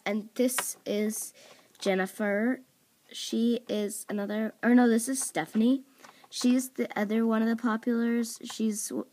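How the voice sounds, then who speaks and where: Her voice is a little high and a little mellow. Off-camera and recorded on a phone or camera mic, this channel host introduces toy characters laid out on a table at home for voice auditions, rambling casually with lots of "um" and "like" and fixing her words as she goes.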